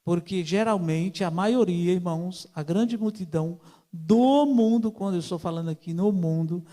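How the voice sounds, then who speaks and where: A man with a high voice and a Brazilian Portuguese accent preaches an informal sermon. He speaks conversationally, with plenty of fillers and pauses, and keeps calling his listeners brothers. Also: warm tone.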